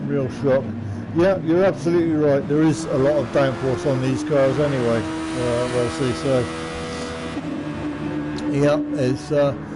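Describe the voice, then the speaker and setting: A man giving casual live commentary on an online car race, hesitant and rambling, often repeating his phrases. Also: fairly high pitch. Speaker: commentator of an online sim racing league. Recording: loud engine and car noise. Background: racing car noise.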